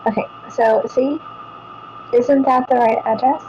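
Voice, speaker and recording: A woman's voice: high voice, steady tone, takes it slowly, lo-fi sound, slight background noise. A woman, vlogging casually to viewers, rambling, repeating herself and restarting sentences.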